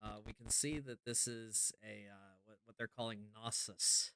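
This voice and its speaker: A man giving casual, joking horror game commentary, often halting as he thinks aloud on his stream. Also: on the low side, steady tone, pushed and bright, smooth, no room sound, poor audio. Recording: music behind the voice. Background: game music.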